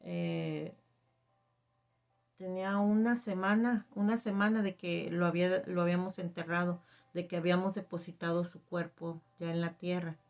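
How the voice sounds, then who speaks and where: Woman giving a halting testimony. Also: lowish voice, steady tone, creaky, a little mellow. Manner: halting, emotional storytelling with many fillers. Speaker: testimony giver. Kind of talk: personal faith testimony.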